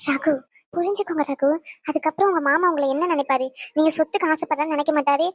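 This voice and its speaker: A woman's voice: sits high, steady tone, quick pace, no room sound, clean studio sound, close to an everyday voice. A woman voicing a young wife in a cartoon, pleading and soothing her angry husband.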